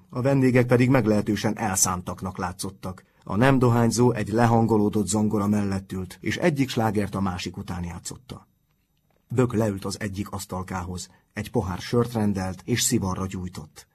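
A man reading a novel aloud in a calm, measured audiobook narration. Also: on the low side, husky.

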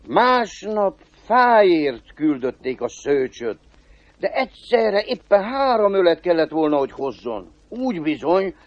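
A man telling a folk tale in a lively way, shifting pace and pitch. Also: no room sound. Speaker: storyteller. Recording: dull, dry recording.

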